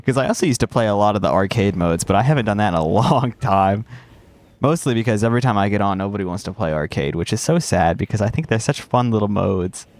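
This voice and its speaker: In a dry recording, a young streamer speaks quickly with a lowish, slightly mellow voice and lively intonation. Congested from a cold he's recovering from, he rambles about his gameplay, breaking off mid-thought and dropping slang.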